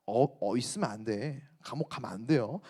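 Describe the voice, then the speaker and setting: A man preaching to a youth group, telling the story in a playful, animated way and putting questions to his listeners. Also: mid-range voice, brisk, breathy edge. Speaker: youth pastor. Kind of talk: youth sermon.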